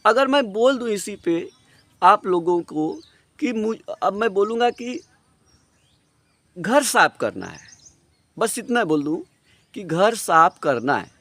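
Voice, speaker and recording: Lively Hindi-speaking man teaching English grammar. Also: sits high, dry recording. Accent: Indian. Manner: explains step by step, repeats example sentences slowly. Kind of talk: Hindi-language grammar lesson.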